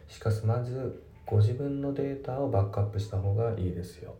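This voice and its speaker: A male English teacher explaining grammar and pronunciation step by step, reading example sentences slowly. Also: mid-range voice, dark tone. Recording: echoey room, distant mic.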